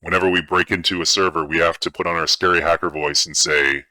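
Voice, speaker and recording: A man speaking through a voice changer that lowers his voice, putting on a mock-menacing scary hacker voice in a tech tutorial. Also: steady tone, quick pace, pushed and bright, dry recording. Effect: voice changer, deep pitch-lowering filter. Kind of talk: tech tutorial, joking aside.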